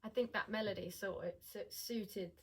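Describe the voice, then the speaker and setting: A woman's voice: mid-range voice, normal speed, breathy edge, poor audio. A woman, a singer, chatting casually about her music with hesitant ums and restarts. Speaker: singer and podcast co-host. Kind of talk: casual chat.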